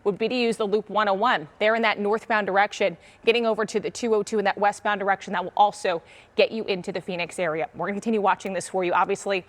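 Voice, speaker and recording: Traffic reporter: American woman, mid-pitched voice, live TV delivery. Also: fairly even intonation, fast. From Arizona, US.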